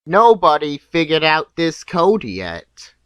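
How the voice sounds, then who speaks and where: A man giving scripted, nitpicking video commentary in a deadpan, sarcastic manner. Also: on the high side, takes it slowly. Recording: clear background noise.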